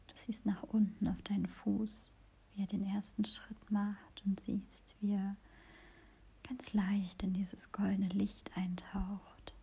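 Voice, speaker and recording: A woman whispers a guided meditation in a slow, soothing hush. Her voice is dark, with a gravelly edge. Breath carries through every word. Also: medium pitch. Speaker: podcast host and meditation guide.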